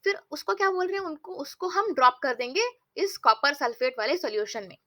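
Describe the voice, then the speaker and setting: A woman teaching a science lesson, reading textbook lines slowly and explaining each step, often asking "okay?" to check along. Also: high-pitched, expressive, pushed and bright. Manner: reads English textbook lines slowly, explains fast in Hindi. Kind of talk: online lesson mixing Hindi and English.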